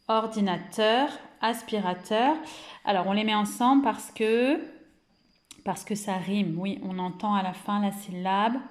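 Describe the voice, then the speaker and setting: A kindergarten teacher with a French accent teaches young children remotely, drawing out words and syllables and praising them often. Her medium-pitched voice has a roomy sound.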